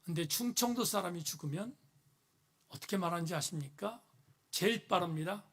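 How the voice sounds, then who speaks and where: A man's voice: high voice, animated, moderate pace, a bit bright. A man preaching a sermon as pastor in a church, with earnest, emphatic rising phrases.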